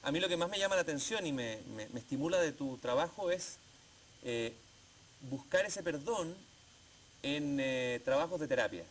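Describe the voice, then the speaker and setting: Man, interview host, measured, slow stretched phrasing, faint hiss. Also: on the high side, animated. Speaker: TV program host. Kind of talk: interview hosting.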